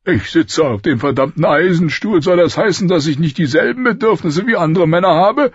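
A male audiobook narrator voicing a loud, quick-tempered, boisterous king who curses and blusters. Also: lively intonation, breathy edge, no room sound, muffled recording. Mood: indignant. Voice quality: loud and booming. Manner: blustering, cursing, swings between roaring laughter and rage. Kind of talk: audiobook reading.

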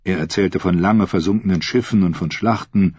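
Deep-voiced male narrator, husky, measured dramatic delivery, dry booth sound. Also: a little mellow, no room sound, highs cut off. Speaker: audiobook narrator. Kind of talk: scripted fantasy narration.

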